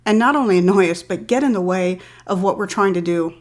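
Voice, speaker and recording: A woman reading a poem aloud and then explaining it in a calm, measured way, like a literature teacher. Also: mid-range voice. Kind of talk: poetry reading and analysis.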